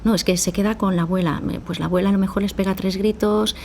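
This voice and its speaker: A woman's voice: medium pitch, steady tone, fast talker, a little mellow, a little hiss or hum. A woman psychologist on a podcast, explaining at length and acting out her talks with parents. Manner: explanatory, acts out dialogues with parents. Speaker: psychologist guest. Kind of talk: podcast interview.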